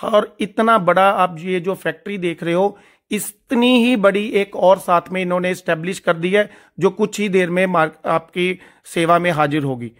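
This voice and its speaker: This enthusiastic gun shop vlogger walks through a large factory, eagerly chatting to his audience as friends. He speaks at a normal speed in a high, fairly bright voice.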